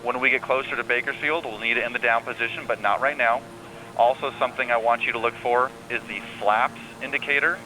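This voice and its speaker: Male air traffic controller, forward bright tone, patient and reassuring guidance, over slightly noisy radio. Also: medium pitch, a little fast. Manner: calm, reassuring, step-by-step instructions. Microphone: radio transmission. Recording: air traffic radio with faint hum and noise.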